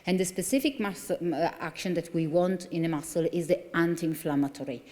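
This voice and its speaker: At the lectern of a large conference hall, an Italian woman who works as a consultant neurologist lectures in a mellow, lowish voice, going a little fast. She is earnest and explanatory, often using fillers and restarting sentences, and the lectern microphone picks up the hall's long reverb.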